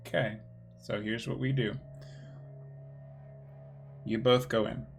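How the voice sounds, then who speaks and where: A man running a tabletop game as game master, narrating in a relaxed, chatty way. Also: mid-range voice, slow pace, gravelly, faint music behind. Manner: relaxed, chatty, laughs easily.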